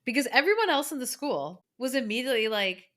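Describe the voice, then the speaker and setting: Woman podcast co-host, 30s, lively movie recap, jumps into quoted voices. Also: on the high side, quick pace. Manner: animated, acts out quotes, swears for emphasis. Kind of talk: casual movie recap chat.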